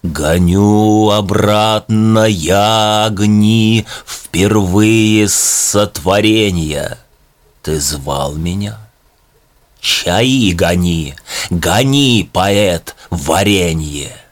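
A man voicing a huge male sun that speaks in a slow, booming bass, gruff and bossy but homely. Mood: demanding.

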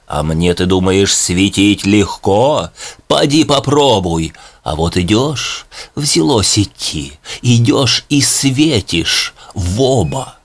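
A man voicing a huge male sun that speaks in a slow, booming bass, gruff and bossy but homely. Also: expressive, heavily acted. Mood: consoling.

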